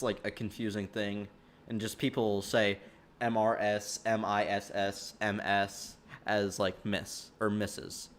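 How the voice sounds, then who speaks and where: A man's voice: on the low side, a bit bright. A man giving casual behind-the-scenes commentary on his own video, rambling and stumbling over his words with many fillers.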